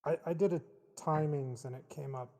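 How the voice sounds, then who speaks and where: A server player in casual technical chat, halting and repeating words, with a slight cave-like echo on the voice. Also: medium pitch, steady tone, warm tone. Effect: slight cave-like echo added to the voice. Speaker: server player on a game talk show.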